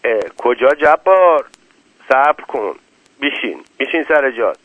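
A man's voice: medium pitch, animated, no room sound, close to an everyday voice. A man voicing a tough, mocking male gambler who leads the game with curt commands. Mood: commanding. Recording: tinny phone-like, dry.

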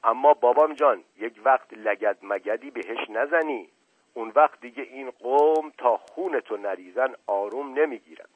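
A man's voice: slightly rough, no room sound, lightly acted. A man voicing an old male household servant with a folksy, rambling way of talking, in a narrow tinny recording. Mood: confiding. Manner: folksy, rambling, raised high excited voice. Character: rustic old male servant, meddling and excitable. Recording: narrow tinny phone-like sound, dry.

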